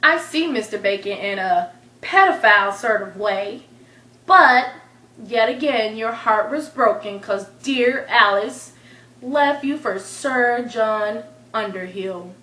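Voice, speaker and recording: A probing, insinuating interviewer questions her guest, as a woman plays her in an amateur skit. Her voice is high and bright, and she talks slowly. The room adds a strong echo. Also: animated, exaggerated voice. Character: probing female talk-show interviewer. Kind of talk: amateur skit role-play. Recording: echoey room.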